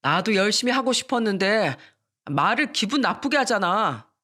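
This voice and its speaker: A woman's voice: mid-range voice, big pitch swings, moderate pace, pushed and bright. A woman voicing a feckless, defensive husband in a storybook radio drama, whining excuses and begging.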